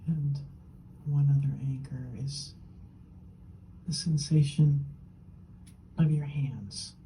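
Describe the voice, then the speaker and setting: This slow, mellow woman is a meditation teacher leading a guided meditation. She speaks gently and unhurriedly in short phrases with long pauses between them, her low-pitched voice keeping a fairly even intonation. The audio is poor, with slight background noise.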